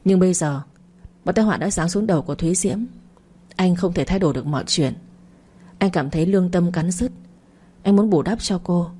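Husky-voiced woman storyteller. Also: fairly low pitch, brisk, long pauses. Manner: steady, dramatic reading. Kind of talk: scripted story narration.

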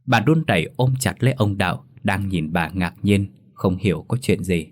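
A man narrating a ghost story in a dramatic, steady storytelling manner. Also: low voice, moderate pace.

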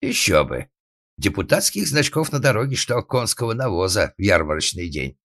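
A man voicing a furious old father in an audiobook, shouting and lamenting in drawn-out cries. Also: lowish voice, sing-song, no room sound, clean studio sound, voice pushed up, exaggerated voice. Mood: raging. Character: furious old male father, bellowing, tyrannical. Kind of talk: audiobook narration.

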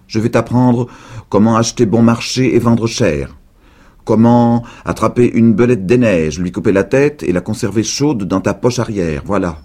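A man voicing a lonely, scheming old woman witch in a storybook reading, pitched high and coaxing. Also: normal speed, darkish tone, lightly acted. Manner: shrill, pleading, coaxing.

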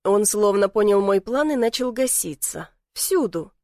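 A woman reading first-person audiobook narration in an even, expressive way. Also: mid-range voice, measured pace, dry recording, clean studio sound.

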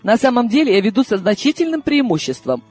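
A man reads an audiobook in full character voice as an old grandmother who is teasing and commanding, used to having her way. Her lines are pitched high, sing-song and widely swinging, quick and slightly rough, sharp and sarcastic in a bossy, teasing mood. Soft music plays faintly underneath.

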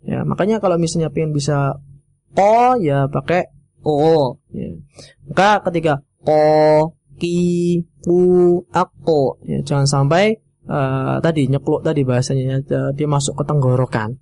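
Guy teaching quran sounds, patient, repeats stuff, kinda mellow, highish voice. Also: normal speed, gravelly. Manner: patient, repeats phrases and demonstrates sounds aloud. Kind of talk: explaining pronunciation on a radio call-in.

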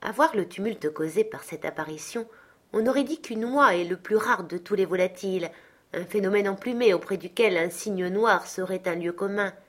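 A woman narrating a classic story as an audiobook, with a lively, expressive reading. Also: mid-range voice, normal speed. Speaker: audiobook reader.

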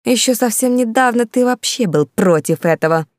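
A woman's voice: fairly high pitch, lively intonation, moderate pace, darkish tone, no echo, studio quality, voice pushed up, lightly acted. A woman reading the part of a domineering, scheming older countess who hisses her commands. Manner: hissing, commanding.

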